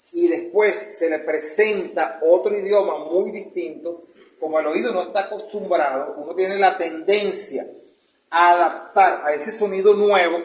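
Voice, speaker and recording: A man with a Venezuelan Spanish accent giving an informal talk as a chronicler, rambling and searching for words, often checking that his listeners follow. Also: sits high. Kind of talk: informal lecture with questions. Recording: echoey room with faint noise.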